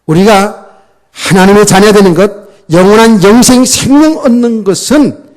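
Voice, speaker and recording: A man's voice: high voice, moderate pace, darkish tone. A middle-aged man preaching a sermon as pastor, often putting questions to the congregation.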